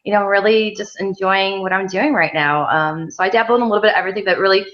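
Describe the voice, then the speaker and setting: A woman's voice: mid-range voice, steady tone, fast, fairly bright tone. A woman artist from Western New York, chatting casually in an interview with lots of ums. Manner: chatty, many ums, laughs easily. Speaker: mixed media artist, guest. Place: outdoor art studio. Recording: dull lo-fi sound.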